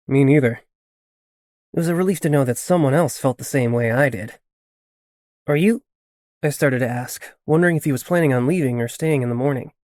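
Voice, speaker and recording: A man narrating a fantasy audiobook in the first person, steady and even in his storytelling. His voice sits at a middling pitch, recorded dry and close with no room sound. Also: no echo.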